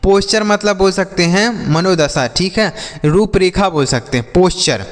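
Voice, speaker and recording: Guy teacher with a high voice walking kids through spelling, asks then answers himself, long echo. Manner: spells letters slowly, then asks and answers his own questions. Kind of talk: spelling and reading lesson for children.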